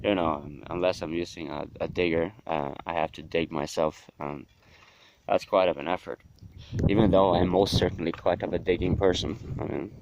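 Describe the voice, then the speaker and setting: A hungover man who is a native Norwegian speaker, rambling casually in a halting, musing, self-deprecating way for a vlog. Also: sits low, steady tone, lo-fi sound, noisy background. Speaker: vlogger.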